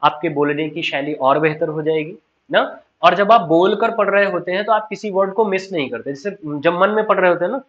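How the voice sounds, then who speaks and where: A man's voice: high voice, fairly quick, fairly bright tone. Earnest Indian man teaching English, lo-fi. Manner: earnest, encouraging, repeats key points. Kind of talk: online class lecture mixing Hindi and English. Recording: slightly dull lo-fi sound.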